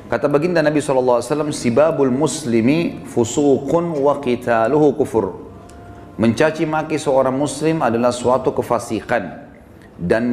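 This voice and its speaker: Male preacher, mid-pitched, patient explainer, slow Arabic chanting, long hall reverb with faint background hiss. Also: a little mellow. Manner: explains patiently, chants Arabic verses slowly, asks the audience checking questions. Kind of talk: sermon.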